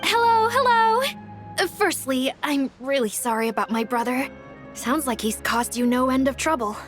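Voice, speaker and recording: An actress voicing a chatty younger sister. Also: female voice, on the high side, normal speed, faint music behind, lightly acted. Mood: cheerful. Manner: bright, chatty. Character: earnest young woman, caring younger sister.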